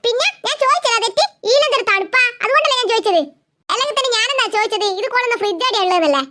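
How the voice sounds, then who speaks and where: A woman's voice: very high voice, expressive, rapid-fire, pushed and bright, full character voice. A woman voicing a naive, talkative old village woman in a cartoon, who argues in indignant bursts. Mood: chatty, indignant. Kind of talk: cartoon voice acting.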